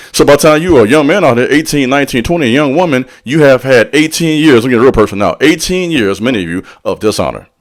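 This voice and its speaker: Quick and lively in intonation, this medium-pitched man delivers a motivational spiritual talk in a preacherly cadence. He speaks directly to the listener in slangy terms, dropping in call-and-response asides while he teaches.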